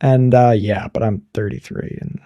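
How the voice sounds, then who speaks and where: A man in his thirties with a mellow, warm voice, chatting as a podcast co-host. He talks frankly and a little crudely, jokes, and restarts his sentences as he thinks aloud. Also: mid-range voice, steady tone, moderate pace, muffled recording. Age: 30s. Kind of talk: casual chat.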